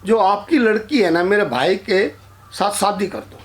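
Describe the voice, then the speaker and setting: A man's voice: high voice, unhurried. A man voicing a grateful frog boy. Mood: earnest.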